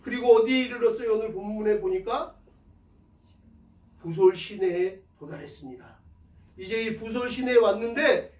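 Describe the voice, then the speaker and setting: Male pastor, high-pitched, emphatic preaching, distant mic in a reverberant church. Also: normal speed, long pauses. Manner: emphatic call-and-response preaching, swelling loud then dropping soft. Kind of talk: sermon. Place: church sanctuary.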